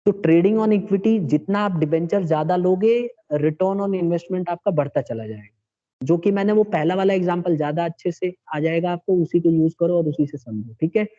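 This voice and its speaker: Guy teaching a class, kinda high but dark mellow voice, keeps asking if everyone follows. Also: normal speed. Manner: explains step by step, checks in with students. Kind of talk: classroom lecture. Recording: dull lo-fi classroom recording.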